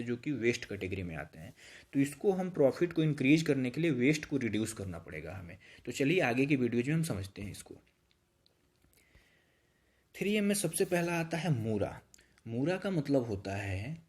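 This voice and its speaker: A man with a Hindi accent teaches in a patient, steady way. He talks at an ordinary, mid-range pitch, and he breaks each idea down with simple everyday examples, like a trainer on a shop floor. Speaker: YouTube instructor. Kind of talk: explanatory lesson.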